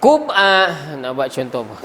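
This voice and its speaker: High-voiced Malaysian teacher quizzing his class. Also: huge pitch swings, measured pace, background noise. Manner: asks the class frequent questions, coughs and trails off mid-word. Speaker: Arabic grammar teacher. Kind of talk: classroom lesson.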